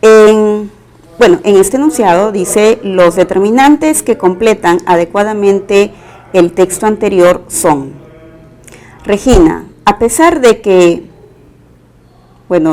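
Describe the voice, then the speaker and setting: A woman's voice: medium pitch, darkish tone. A woman teaching a recorded grammar lesson, going through exam questions one by one and explaining each choice step by step. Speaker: language teacher.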